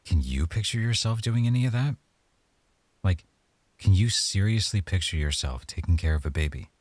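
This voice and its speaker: In an intimate ASMR roleplay, a man plays a loving but hesitant young boyfriend, thinking aloud in soft, halting speech. His voice is deep and animated, the recording is dry, and he sounds unsure and hesitant.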